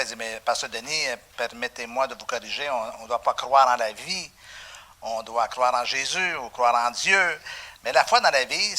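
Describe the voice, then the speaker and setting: Man, pastor, Québécois French accent, bright forceful voice, lively sermon, lots of fillers. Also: mid-range voice. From Canada. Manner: animated preaching with frequent "euh" fillers and restarts. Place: church.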